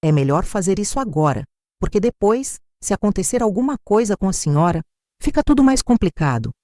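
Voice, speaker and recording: A woman with a Brazilian accent voicing a smooth, insistent nephew who coaxes an older relative. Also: mid-range voice, sing-song, a little fast, warm tone, no room sound, studio quality, lightly acted. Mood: coaxing. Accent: Brazilian Portuguese. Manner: coaxing, insistent. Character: middle-aged male nephew, smooth persuader.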